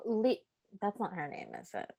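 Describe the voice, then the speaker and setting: Woman co-host, medium pitch, dry close mic, blunt and profane in chat. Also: darkish tone, no echo. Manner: reacts with blunt, profane commentary. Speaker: podcast co-host. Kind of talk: casual chat.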